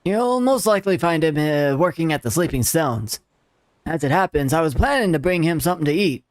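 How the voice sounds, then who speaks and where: A man voicing a grumpy old man from a video game in a measured old-timer delivery. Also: fairly high pitch, expressive, no room sound, close to an everyday voice. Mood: matter-of-fact, gruff. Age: older. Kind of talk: reading game dialogue aloud.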